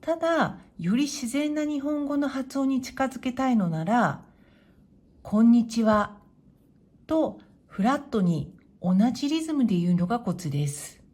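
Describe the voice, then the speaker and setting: A woman teaching Japanese to beginners in a clear, patient way, modeling pronunciation slowly and encouraging learners. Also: high voice, lively intonation, darkish tone. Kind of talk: slow, clear explanatory lesson.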